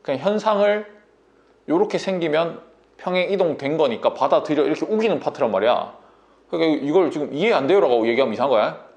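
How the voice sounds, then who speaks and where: A man running a math lesson in blunt, casual speech, forever checking whether the student follows. His voice is gravelly and a bit high, and it swings up and down with energy. His throat is sore. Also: animated, fast, darkish tone. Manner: bossy, coaxing banmal, constant checks like "인정?" and "됐니?". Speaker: math tutor.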